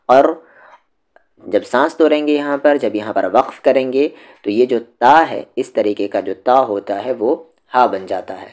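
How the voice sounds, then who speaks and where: A man teaching Quranic pronunciation. He explains slowly and patiently, then says each word again to show how it should sound. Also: mid-range voice, darkish tone. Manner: slow, patient, repeats each word to demonstrate it. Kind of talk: tajweed lesson, explaining and demonstrating pronunciation.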